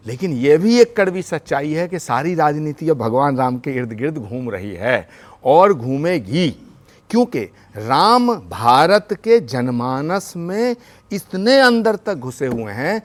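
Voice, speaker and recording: A man speaking as a spiritual leader on a TV debate panel, measured and formal with devotional phrasing. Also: a little high, lively intonation. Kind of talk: TV debate argument. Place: TV studio.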